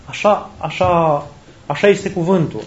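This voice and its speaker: A man's voice: on the high side, a little hiss or hum. A man, a priest, preaching an earnest sermon, repeating key phrases for emphasis. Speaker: Orthodox priest. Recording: roomy, dull lo-fi recording.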